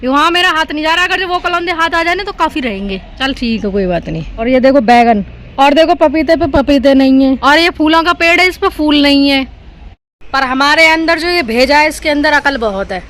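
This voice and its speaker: A woman's voice: sits high, fairly quick, a little hiss or hum. A middle-aged woman chatting casually to her viewers as she films her garden and her day outdoors on a handheld phone. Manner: chatty, talks straight to viewers and laughs loudly. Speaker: vlogger filming her family day. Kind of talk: casual vlog narration to camera. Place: outdoors in a home garden, later a park.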